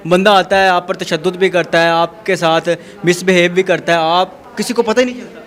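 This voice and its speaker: A man's voice: sits high, fairly even intonation, moderate pace, fairly bright tone. A man interviewing a woman, asking pointed, skeptical questions. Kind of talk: probing interview.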